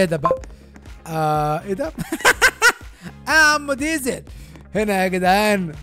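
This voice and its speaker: An Egyptian man rattles off gaming commentary at a quick clip, chatting straight to his viewers. His pitch leaps up and down as he reacts. Faint music plays underneath his voice. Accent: Egyptian Arabic. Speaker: gaming YouTuber.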